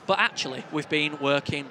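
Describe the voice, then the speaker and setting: Northern English man, football podcast host, deadpan banter, fairly high pitch, noisy outdoor ground. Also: unhurried. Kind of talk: casual banter and announcements. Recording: noisy outdoor stadium with traffic.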